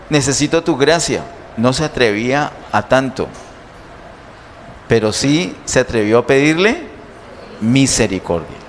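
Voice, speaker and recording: A male pastor preaching slowly and emphatically, asking the congregation rhetorical questions. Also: fairly high pitch. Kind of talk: sermon. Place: church sanctuary. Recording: long church reverb, faint noise.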